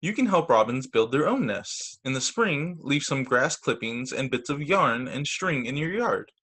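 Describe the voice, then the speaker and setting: Reading to children on a video call, a teacher uses a mid-range, somewhat breathy voice at an ordinary speed. He brings picture books to life by acting out dialogue and tossing in casual asides about what's on the page.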